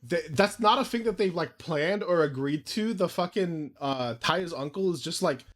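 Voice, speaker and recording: A man's voice: on the high side, animated, normal speed. Laid-back sweary man podcast co-host. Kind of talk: casual episode recap chat.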